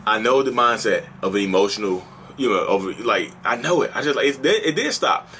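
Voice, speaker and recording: A man's voice: mid-range voice, animated, a little fast, fairly bright tone, slight background noise. Passionate man in his thirties. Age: 30s. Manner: passionate, repetitive rhetorical questions, preacher-like build-ups. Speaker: host. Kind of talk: casual vlog monologue.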